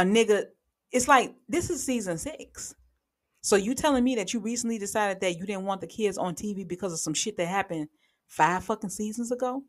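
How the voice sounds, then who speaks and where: A woman giving blunt, sarcastic, heavily profane commentary on reality TV gossip, speaking with sudden animated outbursts. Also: mid-range voice. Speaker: commentary vlogger.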